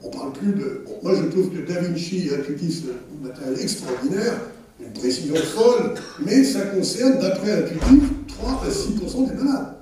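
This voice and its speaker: A man's voice: sits high, expressive, normal speed, dark tone, slight background noise. An older man, a surgeon, talking loosely through a surgical video at an academic session, with many restarts and asides. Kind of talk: live commentary on surgical video in a lecture. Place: lecture hall. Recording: roomy hall, speaker far from mic.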